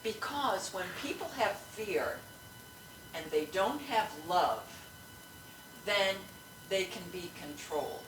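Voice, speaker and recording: A woman's voice: medium pitch, animated, takes it slowly, long pauses, reverberant, far from the mic, slight background noise, rough recording. A woman guest in casual chat, agreeable and chatty. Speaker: podcast guest.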